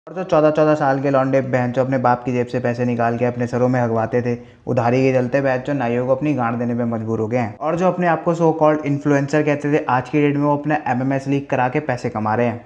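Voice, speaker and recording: A man's voice: mid-range voice, fairly even intonation, a little fast, hardly any pauses, a little mellow, highs cut off. A man from Dehradun giving crude, mocking roast commentary full of swearing. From Dehradun, India.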